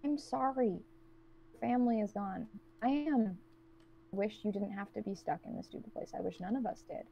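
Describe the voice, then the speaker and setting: A woman playing a cold, guarded woman trapped with strangers, who speaks in a blunt, cutting monotone. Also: mid-range voice, moderate pace, creaky, highs cut off, a little hiss or hum, natural voice.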